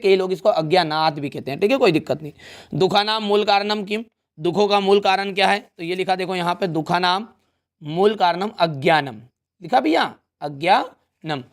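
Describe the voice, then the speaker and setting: A young man teaching an exam revision lesson, explaining step by step in a friendly way and often checking in with his students. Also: high-pitched.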